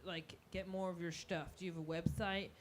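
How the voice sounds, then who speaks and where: A woman hosting a live talk show, asking questions and cracking quick, teasing jokes. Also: on the low side, little pitch movement, slight background noise.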